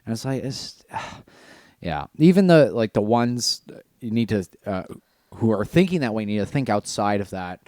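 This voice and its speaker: A man's voice: on the low side, very animated, unhurried, darkish tone, dry recording, clean studio sound. A man co-hosting a podcast in casual chat, blunt and profane as he tells fight stories. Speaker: podcast co-host.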